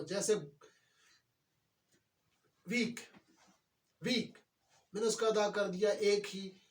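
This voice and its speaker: A man teaching a grammar lesson, explaining slowly and repeating words. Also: high-pitched, darkish tone, recorded from a distance.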